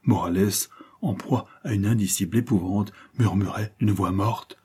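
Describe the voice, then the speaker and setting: A man reading an audiobook in a dramatic, measured storytelling manner. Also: on the low side, mellow, slight background noise. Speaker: audiobook reader. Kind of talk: scripted audiobook narration.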